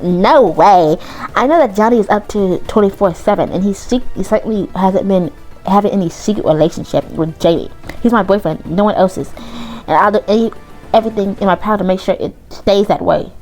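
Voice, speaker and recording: A woman reading as a possessive high-school girl who insists and defends herself. Her voice is mid-pitched. Light music runs beneath it. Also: brisk, a little mellow, natural voice, rough recording. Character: possessive teenage girl, coach's daughter.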